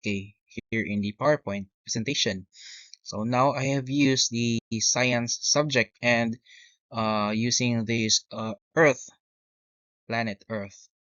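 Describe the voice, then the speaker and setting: A male teacher walking through a software tutorial step by step, often saying okay and correcting himself. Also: medium pitch, slow pace, dry recording. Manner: step-by-step, frequent "okay" and "uh" fillers, self-corrections. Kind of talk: screen-recorded software tutorial. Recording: dry, dull lo-fi mic.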